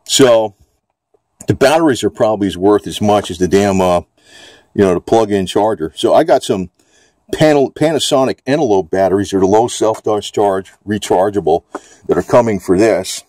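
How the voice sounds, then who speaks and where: On a dry recording, an American man talks at a normal speed in a low, slightly mellow voice while casually reviewing a product. He rambles without a script, speaking plainly and swearing mildly now and then.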